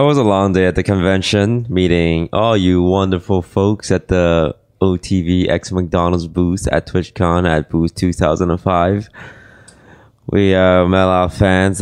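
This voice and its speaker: A hungover man hosting a live podcast from a convention, laid-back and halting with fillers. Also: deep voice, a little mellow, smooth, dry recording, studio quality. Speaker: podcast host. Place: at a gaming convention.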